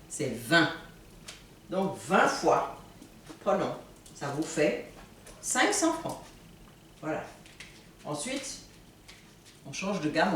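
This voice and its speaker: A person from Ivory Coast teaching a language in a casual video lesson, slowly repeating words to show how they are said. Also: medium pitch, fairly bright tone, far from the mic, slight background noise. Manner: slow, repeats words for pronunciation. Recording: echoey room, voice from off-mic.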